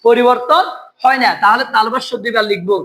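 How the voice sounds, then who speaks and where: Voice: mid-range voice, fairly even intonation, fast, a bit bright, low-quality recording. A teacher giving an exam-prep lesson, asking the class questions and answering them right away. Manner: quizzes students, asks and answers own questions. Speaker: Bengali grammar teacher.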